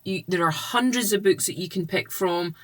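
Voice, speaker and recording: Woman, low-pitched, reading tutor, patient, explanatory, instructional vlog. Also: moderate pace.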